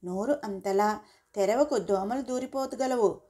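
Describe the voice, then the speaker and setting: A woman's voice: medium pitch, measured pace, dark tone, natural voice. Woman voicing a teasing cheeky young man. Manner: teasing, mock-polite.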